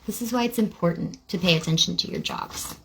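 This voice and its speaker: A woman's voice: fairly low pitch, a little fast, gravelly, a little hiss or hum. Sarcastic, indignant woman ranting. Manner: sarcastic, indignant, addresses "ladies and gentlemen". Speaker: podcast host. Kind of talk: angry monologue to viewers.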